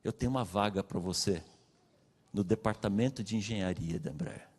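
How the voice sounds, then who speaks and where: A man with a Brazilian Portuguese accent preaching a sermon, telling his own story and acting out the dialogue with swings in pitch and loudness. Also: moderate pace, husky. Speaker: pastor. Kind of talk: sermon testimony. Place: church hall. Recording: long reverb of a church hall.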